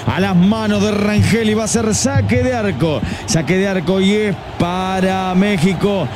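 An Argentine man with an Argentine Spanish accent, giving fast live football play-by-play commentary for an online stream and reading viewer messages aloud. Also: high voice, noisy background.

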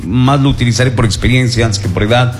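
An Ecuadorian man hosting a lively radio show in a studio, with big announcer-like swings in pitch. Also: fast. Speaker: radio host. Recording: radio studio with music behind.

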